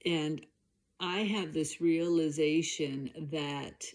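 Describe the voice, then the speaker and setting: A woman's voice: low voice, slow pace, a little mellow. A middle-aged woman hosting a podcast, talking candidly in a rambling personal monologue full of fillers. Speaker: podcast host.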